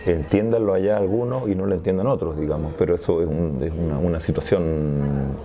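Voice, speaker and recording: Appearing as a guest in an interview, a Chilean man who is a sociologist analyzes topics at length, often breaking off and restarting sentences. He has a low, mellow voice and talks a little fast.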